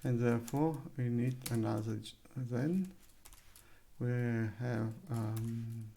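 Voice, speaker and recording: A man's voice: medium pitch, slow pace, vocal fry, mellow, slight background noise. A man narrating a live coding screencast, thinking aloud with many fillers and self-corrections, at a desk microphone. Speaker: coding tutor. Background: keyboard typing and clicks.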